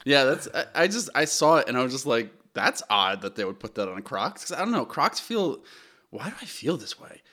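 A young man co-hosting a podcast in casual chat, giggly and quick to laugh. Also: medium pitch, big pitch swings, bright, forceful tone. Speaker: podcast co-host.

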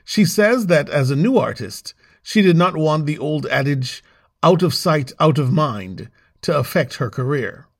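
A man hosting an interview show, first narrating an intro, then asking questions in a lively way with frequent restarts. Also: on the high side, a little slow, breathy edge. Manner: lively, repeats words and restarts often as he asks questions. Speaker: show host.

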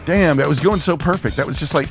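Loud music plays behind a Texan man co-hosting a podcast as he talks fast in a voice on the high side. His casual, opinionated chat is sarcastic, full of swearing and rants.

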